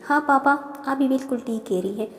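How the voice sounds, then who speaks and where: Woman reading a joking young man, mischievous, high voice, long reverb. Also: fairly quick, natural voice. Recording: roomy reverb.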